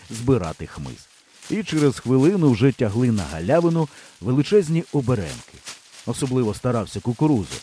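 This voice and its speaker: A man narrating an audiobook in an expressive, humorous storytelling manner. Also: medium pitch. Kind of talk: scripted narration.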